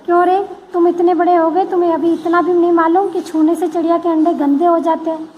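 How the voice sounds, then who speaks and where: A woman's voice: very high voice, little pitch movement, brisk, dull audio. A woman reading the lines of a mother scolding her two children, in a storytelling lilt.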